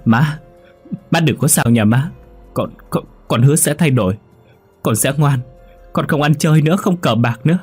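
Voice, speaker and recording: A man's voice: fairly low pitch, animated, a little fast, long pauses, a little mellow, slightly rough, soft background music. A man voicing a young gambler who turns remorseful, pleading and crying out in anguish. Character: desperate young man, wild gambler turned remorseful son.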